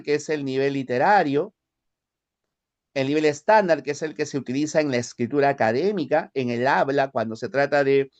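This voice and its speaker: Lively Peruvian man lecturing a class. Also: a little high. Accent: Lima Spanish. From Peruvian highlands. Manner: checks in often with tag questions. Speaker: language teacher.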